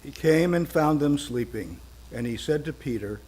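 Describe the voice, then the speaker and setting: A man's voice: a little high, lively intonation, moderate pace, darkish tone, slightly rough, poor audio. A man reading gospel verses formally at a church service. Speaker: scripture reader at a Good Friday service.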